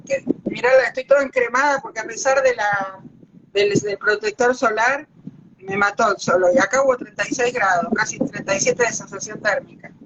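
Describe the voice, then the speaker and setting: Mujer argentina aguda, audio de teléfono apagado. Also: female voice, a little high, expressive, fairly bright tone, a little hiss or hum. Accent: Argentine Spanish. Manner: chatty, talks in quick asides. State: overheated from the heat. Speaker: guest biologist and ecologist. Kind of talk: casual live video chat. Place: hallway at home beside the router. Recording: lo-fi phone audio.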